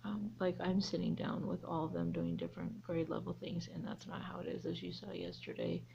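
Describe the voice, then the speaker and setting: Here a homeschooling mother vlogs in a casual, rambling way, full of ums and false starts. Her lowish, creaky voice has a darkish tone and a sing-song lilt, and she talks briskly. The slightly dull lo-fi recording carries a touch of background noise.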